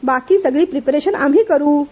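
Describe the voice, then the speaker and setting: A woman voicing a calm older man who patiently explains and soothes his friend. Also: high voice, normal speed, natural voice. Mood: calm, persuasive. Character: calm older male friend and family elder.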